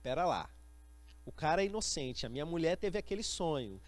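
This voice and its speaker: A man's voice: on the high side, sing-song, brisk, no room sound. A man voicing an uneasy Roman governor who anxiously argues with himself. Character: uneasy male Roman governor, torn and defensive.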